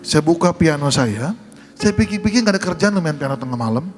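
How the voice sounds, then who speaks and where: A man's voice: a little high, expressive, fast, music in the background. A man, a pastor, telling a humorous testimony to his congregation. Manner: humorous storytelling, addressing congregation. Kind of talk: sermon testimony.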